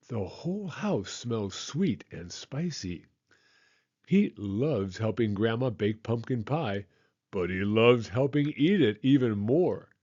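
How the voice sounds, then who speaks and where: A man reading a children's picture book aloud with expressive, measured storytelling. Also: medium pitch, lo-fi sound.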